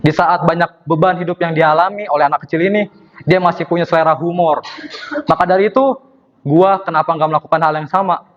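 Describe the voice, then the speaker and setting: Performing stand-up in a university performance room, a young man who is a student brings his stories to life by voicing each character differently as he acts out the dialogue. He sounds a little high, and the sound is lo-fi.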